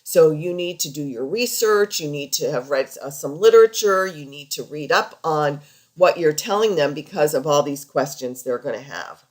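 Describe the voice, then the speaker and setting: A woman's voice: sits low, lively intonation, normal speed. A woman lecturing over slides in an informal, conversational and explanatory way, as a healthcare practitioner teaching.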